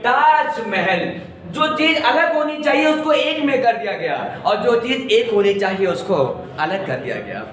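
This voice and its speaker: A man's voice: high-pitched, very animated, normal speed, hardly any pauses, fairly bright tone. A man teaching Hindi grammar to a class, joking and teasing his students as he corrects sentences. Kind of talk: classroom lecture. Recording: echoey room from far off with class noise.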